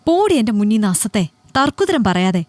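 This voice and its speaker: A woman's voice: mid-range voice, sing-song, brisk, a little mellow, dry recording, natural voice. A woman voicing a harsh, contemptuous middle-aged husband who snaps and belittles his wife in an audiobook story. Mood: scornful, angry. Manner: scornful, belittling, snapping.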